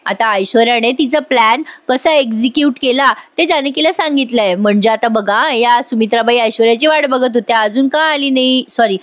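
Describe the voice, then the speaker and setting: High-voiced woman recapping a serial. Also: a little fast, hardly any pauses, dry recording. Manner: retells scenes, acting out characters' lines; addresses viewers directly, critical asides. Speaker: serial reviewer. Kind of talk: voice-over episode recap.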